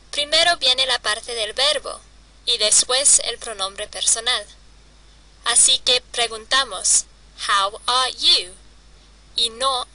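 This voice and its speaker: A woman teaching English to Spanish speakers in a scripted lesson, drilling words with slow, clearly spaced repetitions. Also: a little high, bright, forceful tone, distant mic, rough recording. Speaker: language teacher.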